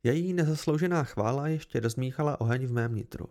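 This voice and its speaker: A man narrating an amateur audiobook in an even, earnest first-person manner. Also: medium pitch. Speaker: audiobook reader.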